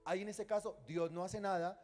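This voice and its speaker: A man preaching, his voice high for a man. He teases and keeps asking the congregation questions, with soft music underneath. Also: brisk. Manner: lively, teasing, asks the congregation questions. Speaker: pastor. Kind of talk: sermon.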